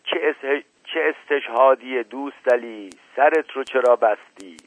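Man doing a slow, commanding old patriarch. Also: medium pitch, voice pushed up, natural voice. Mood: stern. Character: proud, ailing older family patriarch. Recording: tinny dry radio recording.

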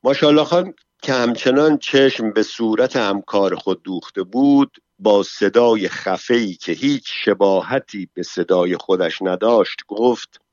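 A man reads a story aloud in a low voice, steady and measured. The recording sounds dull and lo-fi, with dry, close acoustics. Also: no room sound. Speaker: narrator. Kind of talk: scripted narration.

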